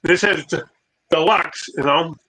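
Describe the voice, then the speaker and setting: A man chatting casually as co-host of a collectibles show, rambling with halting restarts, his voice clipping and distorted through a phone mic. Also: a little high, pushed and bright. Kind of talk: casual online show chat.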